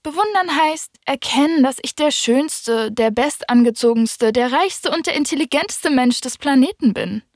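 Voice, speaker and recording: A woman doing a loud, preening vain man. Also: sits high, lively intonation, normal speed, hardly any pauses, dry recording, studio quality, voice pushed up. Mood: boastful. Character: vain, boastful man craving admiration. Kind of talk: audiobook character voice.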